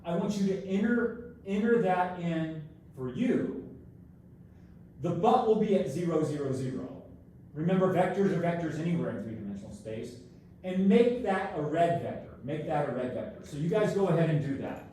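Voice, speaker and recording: Man, college math instructor, echoing tunnel sound, far from the camera mic, fairly high voice, repeats instructions. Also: lively intonation, moderate pace, mellow. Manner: repeats each instruction several times. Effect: echoing tunnel-like sound from a distant camera mic. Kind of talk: live online class teaching. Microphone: built-in camera microphone across the room. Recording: very echoey room, far from mic, faint noise.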